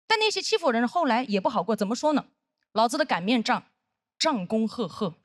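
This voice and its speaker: A woman in her thirties performing a stand-up comedy set on stage, telling stories with animated acted-out voices. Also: a little high, quick pace, no room sound, studio quality. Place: comedy stage with live audience.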